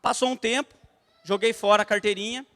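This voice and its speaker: A man's voice: sits high, brisk, long reverb tail. A Brazilian man teaching an evangelism class at church, telling stories and speaking straight to the class. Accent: Brazilian Portuguese. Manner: lively storytelling that addresses the class directly. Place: church hall.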